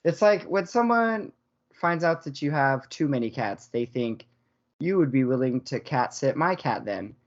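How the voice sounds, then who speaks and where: Joking podcast co-host, mid-pitched voice. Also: lively intonation, a little slow. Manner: joking, makes playful sound effects. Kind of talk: casual chat. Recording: slightly muffled sound.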